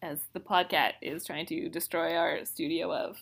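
A woman's voice: deep voice, fairly even intonation, moderate pace, vocal fry. A woman co-hosting a book podcast in casual chat, laughing often and trailing off mid-sentence. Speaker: podcast co-host; writer.

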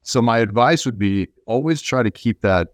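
A man's voice: mid-range voice, animated, normal speed, no room sound, clean studio sound. A man speaking as an interview guest, giving conversational answers in a reflective, explanatory way. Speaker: interview guest, venture investor.

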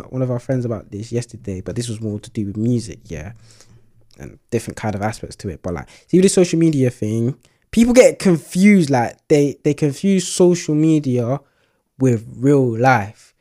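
A man's voice: mid-range voice, lively intonation, moderate pace, warm tone. A man in casual podcast chat, laid-back and heavy on slang fillers.

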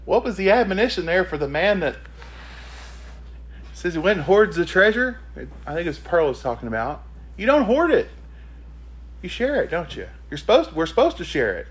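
With a sing-song lilt at normal speed, a male preacher's high voice jumps up and down through his sermon, broken by frequent pauses. He hits key words hard, repeatedly asks the congregation rhetorical questions, and moves seamlessly from reading scripture to plain exhortation.

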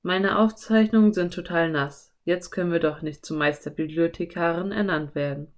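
A woman's voice: fairly low pitch, normal speed, lightly acted. A woman voicing a cautious, bookish young boy in an audiobook, speaking earnestly and a little emphatically.

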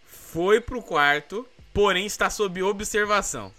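A Brazilian man chatting casually on a podcast, telling stories with animated voices. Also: sits high, a little slow. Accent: Brazilian Portuguese. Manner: animated storyteller, acts out voices. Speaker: podcast co-host. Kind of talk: casual chat.

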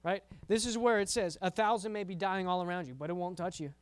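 A man gives a casual youth sermon in a high, smooth voice. He talks conversationally, repeats words as he goes and keeps asking "right?" The sound is close and dry, with no room echo. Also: steady tone, quick pace. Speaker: youth pastor.

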